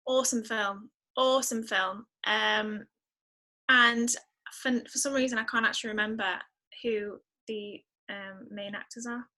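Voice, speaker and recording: A singer-songwriter guesting on a podcast talks a little slowly in a slightly high voice, steady in tone yet pushed and bright. The conversation is casual, and she's emphatic while thinking things through aloud.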